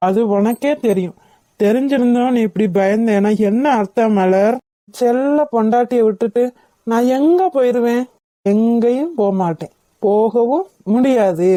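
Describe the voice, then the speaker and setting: A woman's voice: on the high side, normal speed, background noise, lightly acted. A woman voicing a playful, romantic young husband in a cartoon, coaxing and joking with his wife. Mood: soothing.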